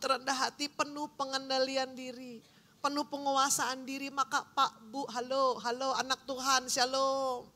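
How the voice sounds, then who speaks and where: A woman pastor preaching a lively, joking sermon at a church service. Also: high-pitched. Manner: lively, joking, acts out quoted voices.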